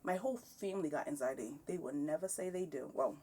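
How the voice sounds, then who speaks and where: A woman's voice: sits low, fast, warm tone, breathy edge, far from the mic. A woman in her thirties talking candidly and with energy in a casual podcast conversation, often breaking into laughter. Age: 30s. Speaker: podcast guest.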